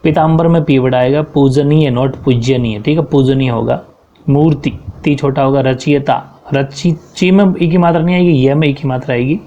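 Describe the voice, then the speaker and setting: A man's voice: a little high, moderate pace, warm tone, highs cut off. A man teaching a grammar lesson, explaining corrections one by one and often checking in with his students.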